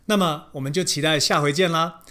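An English pronunciation teacher giving a language lesson, explaining in Mandarin and modeling English words slowly and repeatedly. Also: medium pitch, fairly even intonation. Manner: switches between Mandarin explanation and English examples.

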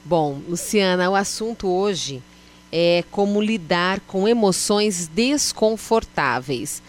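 Woman host with a lively voice. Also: lowish voice, slow. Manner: introduces topics and agrees briefly. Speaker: interview host. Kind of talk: conversational interviewing.

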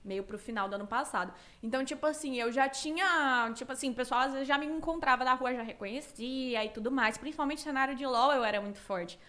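A young Brazilian woman in her twenties from Cuiabá, her accent a mix of Cuiabá and São Paulo, chats casually as a streamer guest, using slang and laughing often. Her high voice is pushed and bright, and she talks fast with hardly any pauses.

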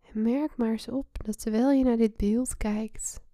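Female meditation guide: hushed, soothing, breathy half-whisper, unhurried pace, close dry sound. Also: a little high, steady tone, dry recording. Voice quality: soft, breathy, often slipping into a whisper. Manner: soothing, hushed spa-like delivery with pauses. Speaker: guided meditation podcast host. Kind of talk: slow guided relaxation meditation.

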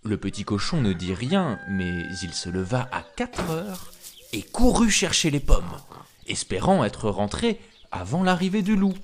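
A man reading a children's fairy tale aloud, slow and expressive. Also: mid-range voice, noisy background. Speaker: storyteller.

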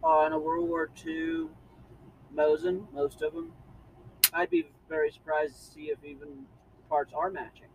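A man's voice: fairly high pitch, very animated, measured pace, creaky, background noise. A man co-hosting a podcast in casual chat, matter-of-fact and explaining details. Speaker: podcast co-host.

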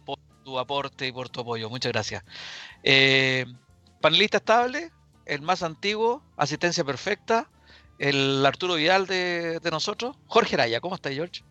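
A man with a Chilean accent hosting a live current-affairs radio show, speaking deliberately with pauses and repeated phrases. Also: on the high side, animated, bright, forceful tone, no room sound, lo-fi sound, faint music behind. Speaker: radio talk show host.

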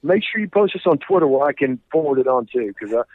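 A man's voice: medium pitch, expressive, quick pace, no echo. An older man in a casual interview over an old flip phone, talking in a folksy, teasing way and repeating phrases for emphasis. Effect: old flip phone call. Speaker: podcast guest, retired radio sports reporter. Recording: tinny narrowband flip phone line.

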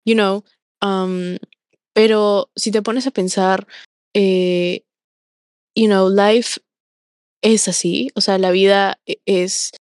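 A woman co-hosting a casual podcast, talking with many pauses and fillers and slipping into English phrases. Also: mid-range voice, fairly even intonation, darkish tone, clean tone, dry recording, studio quality. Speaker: podcast co-host.

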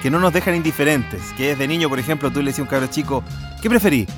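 A man with a Chilean accent co-hosting a podcast, telling stories in a playful, relaxed and chatty way. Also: medium pitch, very fast, music in the background. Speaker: podcast co-host. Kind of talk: casual podcast chat.

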